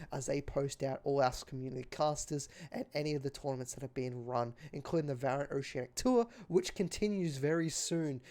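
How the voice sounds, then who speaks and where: A man with a warm voice on the high side gives live play-by-play esports commentary and signs off. He sounds earnest and appreciative, though his voice is a little strained and tiring.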